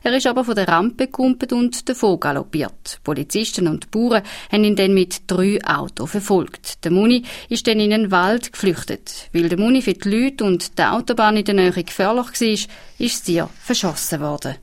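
A woman with a Swiss accent reads regional news bulletins for radio. Her pitch sits in a middle range. Her delivery is steady and measured, recorded in a studio. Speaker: newsreader.

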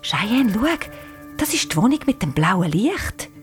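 A woman with a Swiss German accent voicing a timid, anxious young girl who speaks high and urgently. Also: big pitch swings, measured pace, faint music behind. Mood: hushed.

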